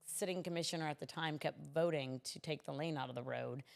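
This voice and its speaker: A middle-aged American woman, a city commissioner, chats conversationally as a guest on a podcast interview. Her voice is low-pitched and quick, with vocal fry, and it sounds like she's in a large hall.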